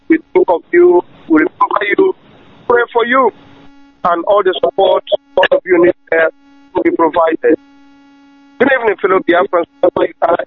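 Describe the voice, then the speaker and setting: A man heard through a phone line as he calls into a radio broadcast, his voice pitched high for a man. The sound is dull and lo-fi. He speaks formally and at length to the listeners. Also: vocal fry. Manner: formal, addresses listeners in long greetings. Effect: heard over a phone line. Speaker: caller, barrister. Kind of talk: formal radio call-in greeting. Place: calling from London.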